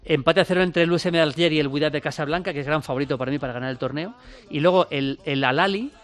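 A man's voice: on the high side, fairly bright tone. A man acting as football pundit on a radio sports show, rattling off names, scores and opinions in casual chat. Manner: fast, rattles off names and results.

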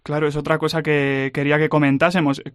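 A man hosting a sports radio interview, asking measured questions. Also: a little high, flat delivery, smooth, dry recording, studio quality.

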